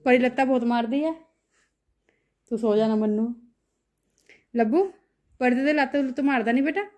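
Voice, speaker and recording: A woman talking softly to her children and the camera at home late at night, recorded on a phone. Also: on the high side, unhurried. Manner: soft, coaxing talk to children at night. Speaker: vlogger, mother. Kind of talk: casual home vlog.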